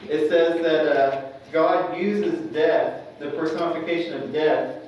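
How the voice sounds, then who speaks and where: A man's voice: fairly high pitch, fairly even intonation, unhurried, highs cut off, a little hiss or hum. A young man teaching a Sunday school class in a conversational way, often checking for agreement from the class. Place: church classroom. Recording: echoey room, mic at a distance.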